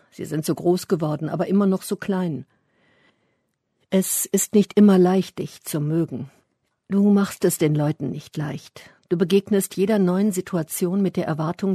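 A man narrates a first-person story in a measured, reflective reading. His voice is warm and relaxed, with a soft, breathy huskiness, and the recording is close and dry. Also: on the high side, no room sound. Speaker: audiobook narrator.

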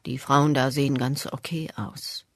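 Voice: medium pitch, steady tone, unhurried, dry recording, lightly acted. A storybook reader voicing a boy from a flute group who whispers his remarks. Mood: whispering.

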